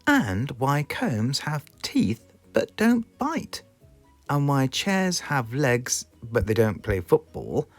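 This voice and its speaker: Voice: medium pitch, very animated, slow, pitched above the performer's own voice, full character voice. A British narrator voicing an endlessly curious, wide-eyed little female storybook character full of questions. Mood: eager, curious. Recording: music playing behind the voice.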